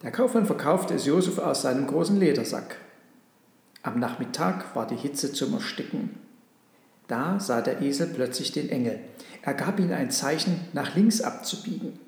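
A man's voice: on the high side, expressive, normal speed, vocal fry, a little mellow. Man reading a storybook, echoey room. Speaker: narrator.

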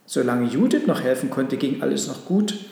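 A man's voice: medium pitch, expressive, moderate pace, vocal fry, darkish tone, heavy reverb, big-room sound. A man voicing an overworked woman in a storybook who laments and pleads. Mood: lamenting. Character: overworked woman, Mary's sister.

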